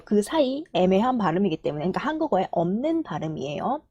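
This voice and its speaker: A woman's voice: mid-range voice, dark tone, slightly rough, dry recording. A woman teaching Japanese syllables in Korean, patiently counting aloud and drawing out each sample sound. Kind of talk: spoken lesson.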